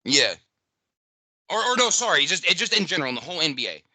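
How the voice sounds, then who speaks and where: A man's voice: on the high side, very animated, quick pace, sharp tone, no room sound. A man co-hosting a podcast, talking sports in a loose, profane way that trails off and restarts. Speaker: podcast co-host. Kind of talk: casual sports chat.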